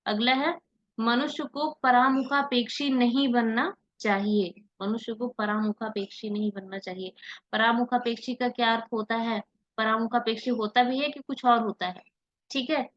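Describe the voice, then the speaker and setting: A woman teaching an exam-prep spelling lesson, asking questions and answering them herself, repeating each word slowly. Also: fairly high pitch, fairly even intonation. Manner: asks and answers her own questions, repeats words slowly. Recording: slightly dull lo-fi audio.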